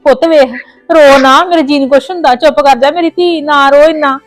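A woman's voice: high voice, steady tone, normal speed, music in the background, close to an everyday voice. A woman playing a worried, fiercely protective mother with a Punjabi accent, soothing her daughter and scolding the in-laws. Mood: soothing, indignant. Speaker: mother on the phone. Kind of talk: family drama acting.

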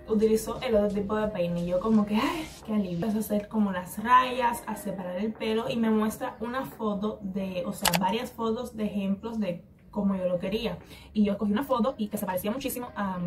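A Cuban woman telling a hair-salon storytime on her vlog, chatty and rambling, acting out what the stylist said. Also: medium pitch. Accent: Cuban Spanish. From Cuba. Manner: chatty, rambling, acts out the other person's replies. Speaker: hair vlogger. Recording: slightly distant mic with faint background music.

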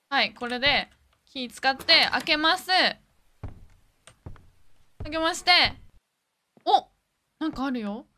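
A woman's voice: high voice, sharp tone. A woman hosting a gaming video, talking casually while she plays and easily getting scared, with frequent startled exclamations and repeated words. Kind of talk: casual game commentary.

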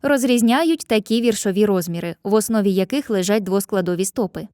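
A woman narrating a scripted lesson, speaking clearly to the viewer and chanting rhymes slowly. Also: mid-range voice, a little mellow, dry recording, clean studio sound. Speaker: teacher.

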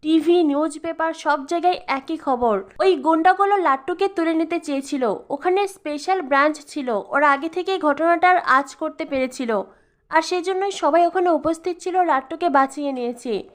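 A woman's voice: high voice, moderate pace, lightly acted. A woman reading the lines of a confident, protective older sister in a retold serial. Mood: urgent.

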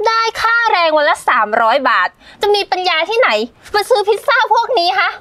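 A woman's voice: very high voice, very animated, brisk, pushed and bright, no echo, heavily acted. An actress playing a haughty, scornful young female site office worker in a melodramatic short drama. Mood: angry, contemptuous. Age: young adult. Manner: scornful, scolding. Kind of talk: acted melodrama dialogue. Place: outdoors at a building site. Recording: music under the voice.

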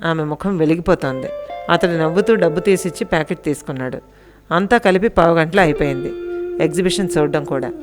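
A woman calmly narrating a Telugu family audio story in a scripted, even storytelling manner. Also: low voice, a little fast, music in the background.

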